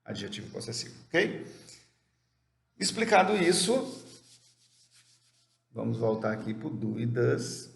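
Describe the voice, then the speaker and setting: A man teaching an English grammar lesson who explains step by step, asks questions and answers them himself, and reads the English examples slowly and carefully. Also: medium pitch, very animated, vocal fry. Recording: echoey room with faint background noise.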